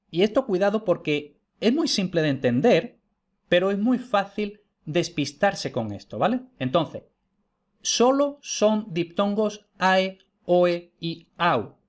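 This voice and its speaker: Man, lecturing, repeats points, fairly high-pitched. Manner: explanatory, repeats points, checks with "¿vale?". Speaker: teacher of historical grammar. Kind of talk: informal online lecture.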